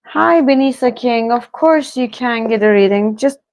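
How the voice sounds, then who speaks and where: A Turkish woman with a fairly high voice hosts a live tarot reading stream, chatting slowly and casually with viewers and laughing softly. The recording is dry.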